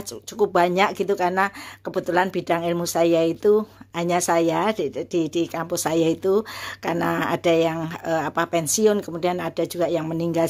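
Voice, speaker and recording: A university lecturer in her fifties tells her own story as a warning to viewers, acting out the quoted dialogue in a higher voice. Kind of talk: personal testimony, warning viewers.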